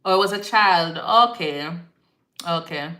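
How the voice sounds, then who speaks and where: Jamaican woman, nurse-host type, low-pitched but bright and forceful delivery, chatty with bits of patois. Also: a little slow. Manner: chatty, repeats herself, slips into patois phrasing. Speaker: nurse hosting a live Q&A. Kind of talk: casual live-stream chat answering viewer comments. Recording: echoey room.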